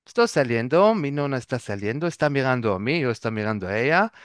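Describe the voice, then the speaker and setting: Guy telling stories, keeps searching for words, smooth clear voice. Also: mid-range voice, very animated, no echo, clean studio sound. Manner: halting, searches for words, restarts often. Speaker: guest. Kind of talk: casual storytelling.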